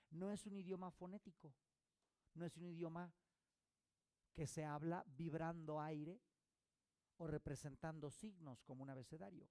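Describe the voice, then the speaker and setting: A man delivers a course lesson in a gravelly, mellow voice pitched a little high. He explains ideas by posing rhetorical questions and checking in with his listeners. The sound is dry and close. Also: no room sound. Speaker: holistic therapy instructor. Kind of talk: recorded course lecture.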